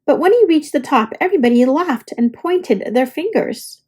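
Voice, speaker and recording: In a high-pitched voice, a woman tells a children's picture book story aloud, with careful, expressive narration aimed at young audiences.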